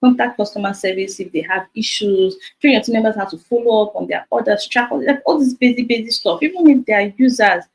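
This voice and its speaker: A Nigerian woman in her thirties, a business coach talking to her sales team over her phone, animated and repeating her key points. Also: fairly high pitch, fast, few pauses, rough recording.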